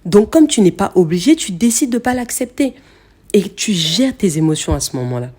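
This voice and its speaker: A woman's voice: medium pitch, big pitch swings, moderate pace, a little mellow, slightly rough. A young woman hosting a podcast, talking straight to the listener in a casual motivational monologue, with many fillers and repeated words. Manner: speaks directly to the listener, frequent fillers and repetitions. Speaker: podcast host.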